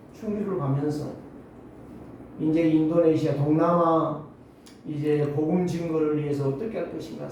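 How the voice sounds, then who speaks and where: A man in his sixties preaching a Sunday sermon, swinging between loud exclamations and low asides. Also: slight background noise. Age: 60s. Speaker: pastor. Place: church sanctuary. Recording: very echoey hall, mic at a distance.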